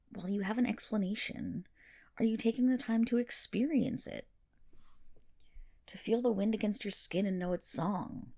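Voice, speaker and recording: In an ASMR roleplay, a woman with a medium-pitched voice plays a selkie who is affectionate and teasing. She speaks softly and breathily with a lilt, fondly scolding, in a wistful, gentle mood.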